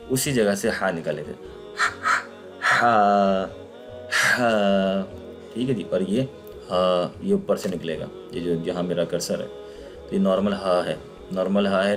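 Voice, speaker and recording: A patient male teacher talks through a recorded online lesson in a fairly low voice, sounding out each letter slowly and repeating it aloud. Soft music plays faintly behind him. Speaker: Quran recitation teacher.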